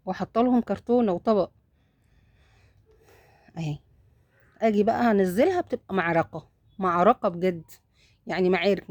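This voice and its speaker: This casual home vlog, recorded dry, features a woman with an Egyptian Arabic accent and a mid-range voice. Filming her cat on her phone in her bedroom, she speaks warmly to viewers and murmurs gently to the cat and kittens.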